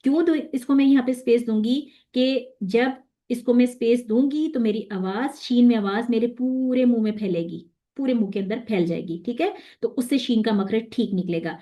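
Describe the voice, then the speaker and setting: A woman's voice: fairly high pitch, few pauses, mellow. A woman, teaching a tajweed lesson, patiently demonstrating letter sounds and checking in with her students. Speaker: Quran recitation teacher.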